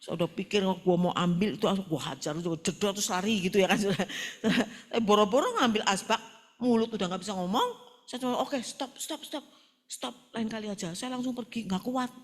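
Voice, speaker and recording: A woman's voice: medium pitch, a little fast. A middle-aged woman pastor preaching a sermon, telling stories with quoted dialogue in a colloquial style and often addressing the congregation directly. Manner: animated storytelling with quoted dialogue.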